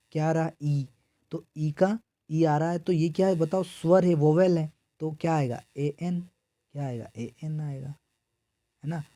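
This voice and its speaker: A teacher from India walks students through grammar for an entrance exam. He fires off questions and answers them himself, again and again. His voice sits a little high but sounds mellow, and it is recorded close and dry. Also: no room sound. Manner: repetitive call-and-response questioning. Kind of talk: exam prep lesson.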